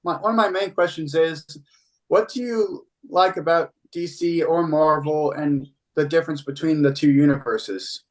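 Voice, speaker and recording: A man's voice: on the high side, moderate pace, low-quality recording. A man in his mid-twenties from Missouri, co-hosting a podcast in a casual, laid-back way. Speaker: podcast co-host. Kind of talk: casual interview chat.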